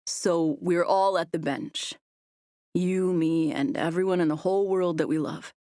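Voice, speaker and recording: A woman voicing a tender, playful young man in love, speaking gently and earnestly. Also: fairly low pitch, steady tone, unhurried, dry recording, clean studio sound, close to an everyday voice.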